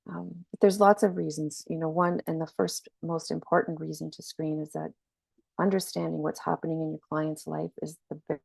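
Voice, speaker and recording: Earnestly explaining her material in a webinar training, this woman restarts often and sounds slightly scratchy from a slight cold. Her low-pitched voice has vocal fry and a darkish tone, in a dry recording.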